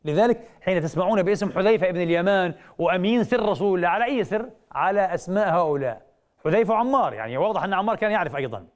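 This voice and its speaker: A man giving a televised religious lecture, telling stories with rhetorical questions and slowing down to quote traditions. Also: high voice. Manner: animated storytelling, slows down to quote hadith; asks rhetorical questions with drawn-out "eh".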